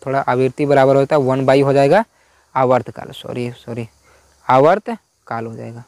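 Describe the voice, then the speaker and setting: This man speaks at medium pitch and moderate pace, with little pitch movement and a darkish tone, in a recording with no room sound. Teaching school physics in casual Hindi, he walks through homework answers, repeating key points and asking and answering his own questions.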